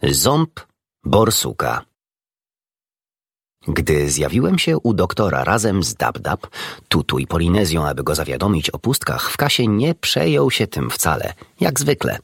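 Male audiobook narrator, deep and husky, lively melodic delivery. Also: unhurried, no room sound, studio quality. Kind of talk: scripted narration.

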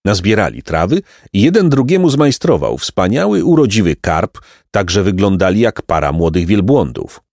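Brief: male audiobook narrator, very lively intonation, dry close sound. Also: on the low side, normal speed, no room sound. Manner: expressive storytelling. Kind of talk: audiobook reading of a children's tale.

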